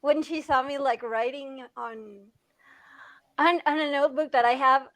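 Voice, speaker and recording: A young woman in her late twenties with a high, light voice talks through her story in a relaxed podcast interview. She is chatty and giggles often. She circles back with little restarts and fillers. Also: measured pace, low-quality recording. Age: 20s. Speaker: guest filmmaker.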